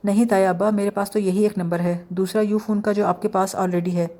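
Woman doing a young woman in a storybook, earnest and pleading, flat soft tone. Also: mid-range voice, natural voice. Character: young woman, anxious but quick-witted.

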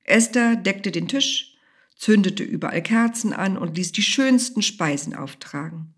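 A woman's voice: mid-range voice, expressive, a little slow, husky. A woman narrating a storybook tale expressively, sometimes dropping to a whisper.

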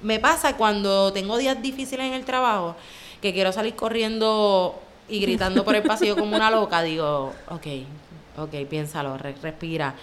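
A woman's voice: medium pitch, brisk, slight background noise. A young adult woman, co-hosting a casual faith chat podcast and acting out quoted voices as she talks. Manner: animated, acts out quoted voices. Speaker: podcast co-host.

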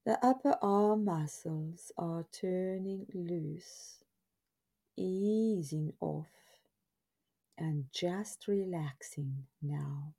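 A woman guides a relaxation in a hushed, breathy half-whisper with a husky softness. Her voice is lowish and very mellow. She speaks in soothing, drawn-out phrases, leaving pauses between them. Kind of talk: scripted guided body scan meditation in a soft, breathy half-whisper.

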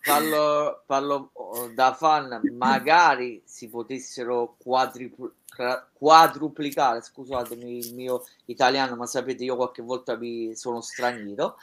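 A man hosting a casual live chat, speaking in a halting, jokey manner. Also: medium pitch, steady tone, a bit bright, poor audio. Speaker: host and interviewer.

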